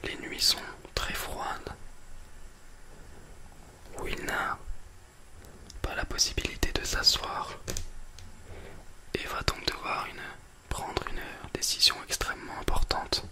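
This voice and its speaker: A person speaking in a soft, breathy library whisper, presenting a book and film as an ASMR host close to a binaural microphone. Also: slow pace, long pauses, poor audio.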